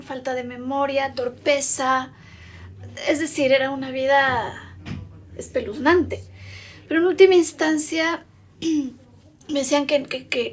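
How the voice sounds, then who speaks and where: A woman with a Mexican accent speaks in a high, light voice in a documentary interview. She stumbles and repeats words as she works through long lists. She is recorded in a doctor's consulting room. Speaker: patient interviewee.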